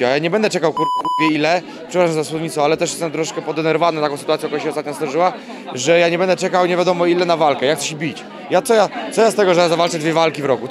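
A young man, a fighter being interviewed after a weigh-in, talking bluntly with swearing and repeating himself. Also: a little high. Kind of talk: casual post-weigh-in interview. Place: busy event press wall, indoors. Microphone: handheld mic held by interviewer. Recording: loud crowd chatter behind.

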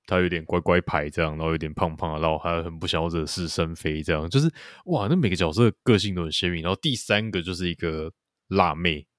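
Here a low-voiced man speaks quickly while co-hosting a podcast, rambling casually about a TV series with many fillers and lots of agreement. The recording is dry and clean, studio sound.

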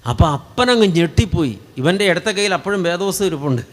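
A man's voice: sits high, lively intonation, fast talker. A man preaching a sermon as a story, turning to the congregation with rhetorical asides.

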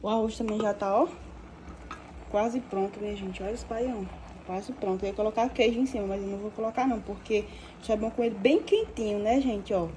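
A young Brazilian woman cooks lunch in her home kitchen, chatting casually to viewers and calling them "gente" while filming on a phone held at arm's length. Her medium-pitched voice is warm and a little fast, with a bit of hiss or hum.

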